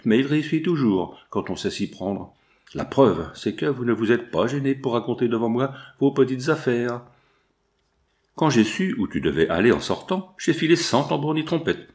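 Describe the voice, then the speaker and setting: A man's voice: mid-range voice, a little mellow, lightly acted. A man reading the part of a mocking, gloating old male villain in disguise in an audiobook.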